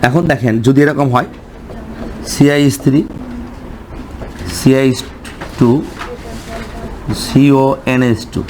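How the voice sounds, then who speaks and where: A man's voice: medium pitch, slight background noise. Man teaching chemistry, repeating himself. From Bangladesh. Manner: asks the class questions and answers them himself, repeating names. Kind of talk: classroom lecture.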